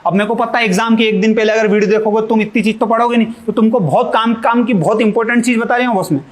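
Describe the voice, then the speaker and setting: A high-voiced man gives an exam-prep grammar lesson. He poses quick questions to the class and answers them himself, slipping in jokes. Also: fairly even intonation. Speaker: Hindi grammar teacher.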